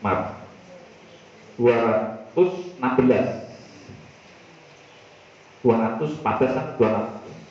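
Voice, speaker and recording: A man's voice: medium pitch, slow, long pauses. A male preacher giving a casual study sermon, speaking directly to his listeners and repeating key phrases for emphasis. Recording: very echoey hall, dull muffled sound.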